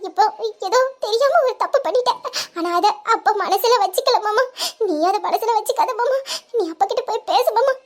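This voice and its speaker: A woman's voice: very high-pitched, moderate pace. A woman voicing Nila, a tender young woman in a Tamil audio drama, pleading and coaxing through tears. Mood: comforting.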